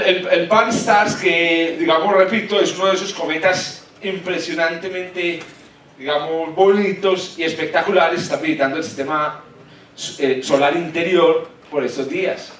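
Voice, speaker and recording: A man with a Paisa Colombian accent hosting an informal science talk, halting and colloquial, his articulation slightly awkward from new dental braces. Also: high-pitched, a bit bright. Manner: colloquial, halting, searching for words. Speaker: colloquium host, astronomer. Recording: echoey hall, far from mic, faint noise.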